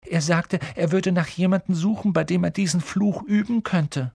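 A timid teenage schoolboy in an audiobook, his voice shaky and raised higher, as a man puts him on. The tone is slightly husky and dry. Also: moderate pace, darkish tone, no room sound, exaggerated voice. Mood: shaken. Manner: shaky, pleading voice. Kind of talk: audiobook character voice.

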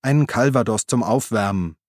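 A man's voice: mid-range voice, moderate pace, darkish tone, no echo, studio quality, lightly acted. A man voicing a pushy, apologetic male journalist friend in an audiobook, eager and coaxing. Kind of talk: audiobook reading.

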